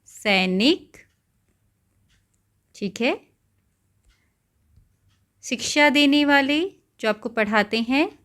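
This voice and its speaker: A woman with a fairly high voice talks young pupils through a textbook lesson. She goes step by step, stops to explain simple meanings and keeps checking in with a gentle "okay". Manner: patient, repeats and explains words simply; often checks in with "okay" and "right". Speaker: teacher.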